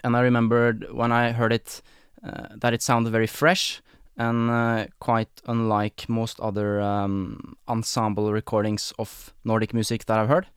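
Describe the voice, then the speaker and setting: A man's voice: mid-range voice, flat delivery, measured pace, few pauses, clean tone, dry recording, studio quality. A man hosting an interview podcast, friendly and hesitant, with many "um" and "uh" fillers. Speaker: podcast host. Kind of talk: casual interview talk.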